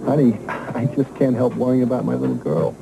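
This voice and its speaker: Anxious, strict dad of a teen, gravelly, commercial sketch over music. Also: male voice, mid-range voice, level tone, fairly quick, poor audio. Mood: worried, stern. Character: fretting, strict father of a teenage girl. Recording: music behind the dialogue.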